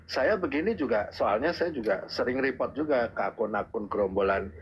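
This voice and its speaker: A man's voice: mid-range voice, lively intonation, normal speed, a little hiss or hum. A man calling into a live stream, giving earnest, repetitive advice in a casual way. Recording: husky muffled lo-fi call audio.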